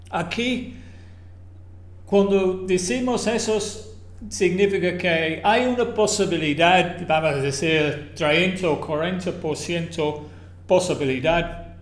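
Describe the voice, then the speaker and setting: Slow, echoey English teacher, a man. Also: fairly high pitch. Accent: English, speaking Spanish as a second language. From England. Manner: slow and explanatory, drilling example phrases aloud. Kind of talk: live online language lesson.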